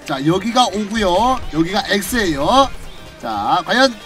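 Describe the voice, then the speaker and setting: Very high-pitched, bright male game show host. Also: sing-song, extremely slow. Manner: game show host patter with countdowns and prompts. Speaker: game show host of an online gaming quiz. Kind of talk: game show hosting, commentary over gameplay. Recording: music behind the voice. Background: music.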